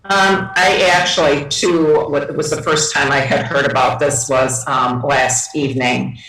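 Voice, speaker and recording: A woman trustee candidate answering carefully at a forum, pausing often with ums. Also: deep voice, fairly even intonation, fairly bright tone. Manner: careful, hesitant with many ums. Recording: echoey hall, mic from far off.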